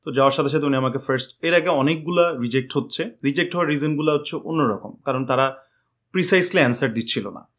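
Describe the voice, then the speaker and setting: A young man, a podcast guest telling how his visa interview went in a rambling, animated way, often correcting himself. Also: mid-range voice, fast talker. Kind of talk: casual interview storytelling.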